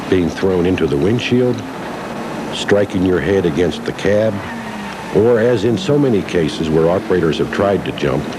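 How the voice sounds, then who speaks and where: Deep-voiced man narrating off worn tape. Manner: measured, formal reading. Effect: worn VHS tape copy with faint hiss and hum. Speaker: safety video narrator. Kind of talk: scripted narration.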